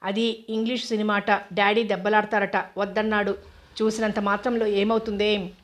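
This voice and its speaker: A woman's voice: mid-range voice, flat delivery, moderate pace, close to an everyday voice. A woman reading the lines of a pampered teenage girl who coaxes and wheedles. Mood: coaxing. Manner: wheedling, coaxing.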